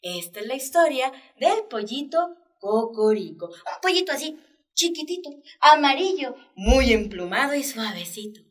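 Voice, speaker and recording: A woman telling a story to children in an animated way, asking them questions along the way. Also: high voice, moderate pace. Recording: voice picked up from a distance.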